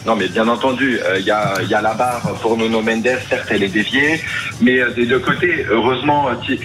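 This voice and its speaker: A man's voice: mid-range voice, a little fast, a bit bright, soft background music, poor audio. A man calling in to a radio sports show, talking nervily with many hesitations. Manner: nervy, full of hesitations. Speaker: caller. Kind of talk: radio phone-in chat.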